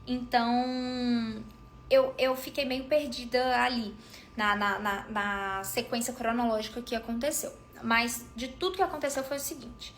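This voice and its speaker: Uma mulher de voz aguda narra uma briga de família num vídeo pessoal, de modo animado e cheio de detalhes. Um leve ruído ambiente fica ao fundo da gravação. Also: female voice, a little high, unhurried, a little hiss or hum. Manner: animated, recounting a family fight. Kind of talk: storytime video.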